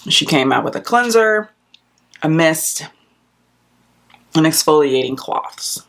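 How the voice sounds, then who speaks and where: Taking it slowly, this woman's somewhat bright voice stays animated as she discusses the latest makeup launches in a relaxed vlog. She wanders through fillers and false starts, and her pitch leaps up on the points she emphasizes.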